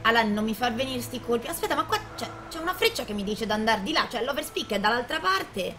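A woman hosting her gaming channel, giving chatty let's play commentary, talking to the game character and quickly getting alarmed with frequent restarts. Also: a little high, big pitch swings, noisy background.

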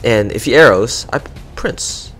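A young man giving live gameplay commentary, excitable and swearing often, swinging from muttering to yelling. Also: mid-range voice, a little slow, faint music behind. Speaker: gaming YouTuber.

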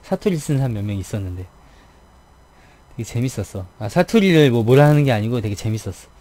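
A man's voice: mid-range voice, animated, fast, warm tone. A man from the Gyeonggi region of South Korea, chatting casually with his live viewers as a game streamer, throat a bit tired, playfully mimicking how other people talk.

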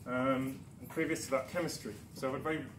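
Recorded by a far-off camera in an echoey, noisy, darkened lecture room, a Newcastle man gives a conference presentation. His medium-pitched voice holds a steady tone at a fast clip, while his style is chatty and self-deprecating, with frequent ums and restarts.

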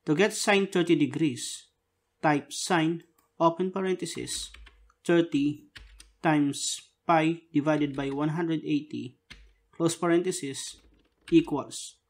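A man with a fairly high voice narrates a scripted instructional walkthrough. He dictates each step in short, separate phrases, spelling out symbols and keys as if for someone typing along. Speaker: tutorial narrator.

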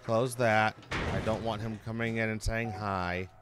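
A man's voice: lowish voice, flat delivery, a little slow, music in the background. A man hosting a gaming channel, giving chatty let's-play commentary, talking to himself and the enemies and swearing when he gets hurt.

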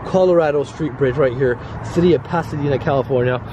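A young man in an excitable, slangy, casual vlog to camera, filming himself outdoors. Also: medium pitch, fast talker. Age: young adult. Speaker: vlogger, host of the channel. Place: outdoors on a road bridge at night. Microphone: camera held at arm's length. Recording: noisy outdoor street with traffic.

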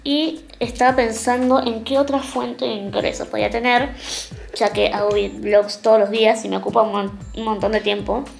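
A woman's voice: on the high side, fairly even intonation, normal speed, gravelly, faint music behind. A young woman with an Argentine accent chatting casually to the camera in a vlog at home. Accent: Argentine (Rioplatense). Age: young adult. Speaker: vlogger. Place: small room at home.

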